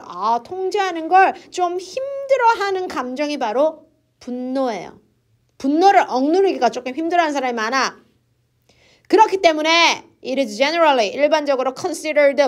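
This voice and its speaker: A woman teaching English reading for an exam, explaining lively in a mix of English and Korean. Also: high-pitched.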